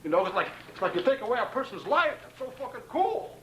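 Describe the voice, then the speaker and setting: On a hissy 1990 camcorder tape, recorded roomy and distant from a tripod in his apartment bedroom, a man from Brooklyn, New York, speaks in a Brooklyn accent to a friend he writes to. His very high voice swings in pitch, runs fast and sounds a bit bright as he boasts, threatens, swears, stutters through restarts and keeps saying "man."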